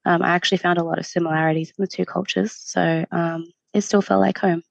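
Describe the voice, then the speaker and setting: A woman's voice: fairly low pitch, flat delivery, fast, gravelly, no room sound. A woman from Syria working in university student support, answering interview questions in a friendly, earnest way with frequent ums. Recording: dull lo-fi stream audio.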